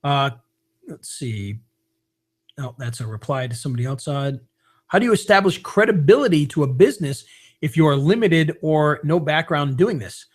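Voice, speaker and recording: A man hosting a live webinar, pitching a membership and answering viewer questions in a casual, upbeat way. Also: expressive. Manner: casual, upbeat, with fillers and quick jokes. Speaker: webinar host.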